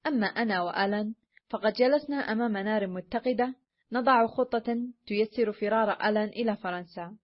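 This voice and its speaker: A woman reading a story aloud as narrator, in an even, measured way. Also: mid-range voice. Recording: dull lo-fi recording.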